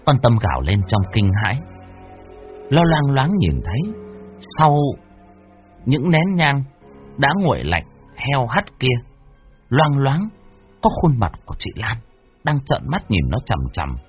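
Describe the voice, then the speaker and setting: A man with a husky voice narrating a horror story, expressive with wide swings in pitch. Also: measured pace, pauses often, soft background music. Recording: dull lo-fi dry recording.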